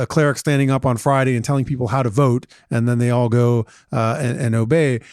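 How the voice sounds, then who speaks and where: A man's voice: medium pitch, no room sound, studio quality. A man hosting an interview podcast who introduces his guest and asks questions, hesitating often with "uh". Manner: halting, many "uh" fillers. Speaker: podcast host.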